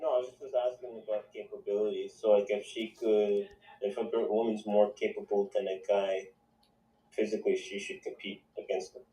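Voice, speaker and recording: A man on a voice call, speaking very quietly, his voice muffled as if heard through a wall. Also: fairly low pitch, little pitch movement, normal speed. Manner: very quiet, soft-spoken. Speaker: debate participant on a voice call. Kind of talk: casual online debate. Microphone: faulty voice-chat mic. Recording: muffled, distant voice-chat audio in a roomy space.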